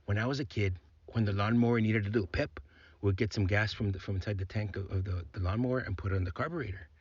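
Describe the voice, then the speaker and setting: A man's voice: fairly low pitch, fast talker, a little mellow, husky, dry recording, dull audio. A man voicing his apologetic, flustered middle-aged father, who repeats himself as he says sorry. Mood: hopeful.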